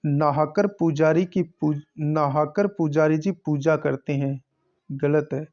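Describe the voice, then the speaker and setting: A man's voice: a little high, fairly even intonation, takes it slowly, a little mellow, highs cut off. A man teaching, working through an exam paper question by question and repeating each answer. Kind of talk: exam paper solving lesson.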